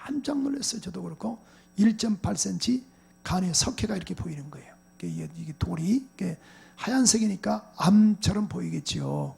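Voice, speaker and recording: Gravelly high-voiced Korean pastor preaching. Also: male voice. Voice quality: gravelly, husky voice. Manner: swings from quiet storytelling to loud shouted exhortation. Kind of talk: sermon with personal story.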